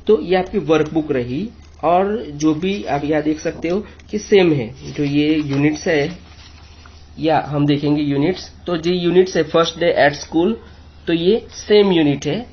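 A man's voice: a little high, unhurried, breathy edge, dull audio. A man teaching a children's English lesson, patiently spelling words letter by letter.

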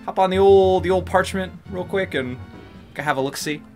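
A man's voice: high voice, normal speed, soft background music. A man joking and swearing through casual banter while playing a video game with a friend. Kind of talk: casual gaming chat.

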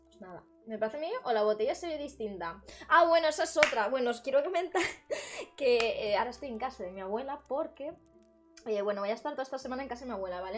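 A woman from Spain chatting casually with her viewers on a live stream from a bedroom, bubbly and laughing often, with loud sudden exclamations. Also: a little high. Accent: Spain Spanish. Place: bedroom at her grandmother's home.

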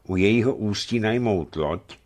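A man voicing a tall, serious older leader who speaks in a measured, persuasive way. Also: lowish voice, a little mellow, pitched above the performer's own voice, lightly acted. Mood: grave. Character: tall, grave older male leader, careful planner.

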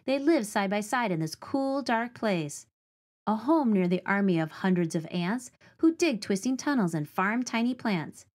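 A woman reads rhymes and nature facts from a picture book to children at a moderate pace. Her mid-range voice is expressive, and she phrases each line clearly.

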